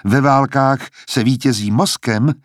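A man's voice: mid-range voice, no room sound, clean studio sound, voice pushed up, close to an everyday voice. A man voicing a mocking woman scientist. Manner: condescending, sly, drawn-out taunts.

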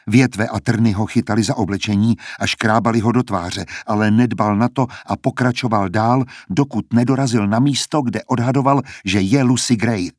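Husky guy reading an audiobook, steady pace, dry close mic. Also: on the low side, no echo. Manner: steady, measured storytelling. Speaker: narrator. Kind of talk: audiobook narration.

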